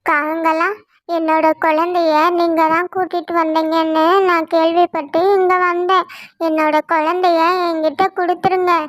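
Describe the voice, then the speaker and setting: A woman's voice: extremely high pitch, flat delivery, normal speed, no echo, studio quality. A woman voicing a worried mother cloud in a cartoon, asking for her lost child in an anxious, imploring way.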